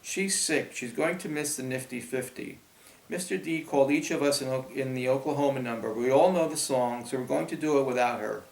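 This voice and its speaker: A man's voice: medium pitch, a little fast, vocal fry, darkish tone, close to an everyday voice. Man doing a matter-of-fact schoolgirl. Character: chatty young schoolgirl on the phone. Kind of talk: audiobook reading. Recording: roomy echo.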